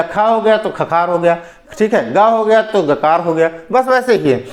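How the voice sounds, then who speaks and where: A man with a Hindi accent teaches an exam-prep grammar lesson, his voice sitting high. He explains patiently, poses questions and answers them himself, and checks in often with a quick "okay". The room adds a noticeable echo around him. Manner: explanatory, repeats "ठीक है" and asks and answers his own questions.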